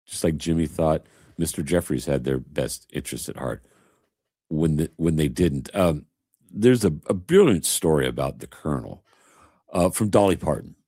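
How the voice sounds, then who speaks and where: A man's voice: rumbling low, lively intonation, moderate pace, warm tone, husky, dry recording, clean studio sound. A man chatting casually as a host, an emphatic, rambling storyteller. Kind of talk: casual chat.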